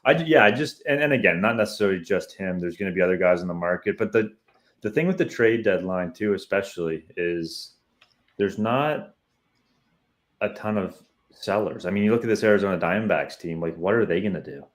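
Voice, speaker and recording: A man's voice: deep voice, expressive, brisk. A man with a Canadian accent co-hosting a podcast, giving confident, opinionated baseball analysis. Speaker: podcast co-host. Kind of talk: casual sports analysis.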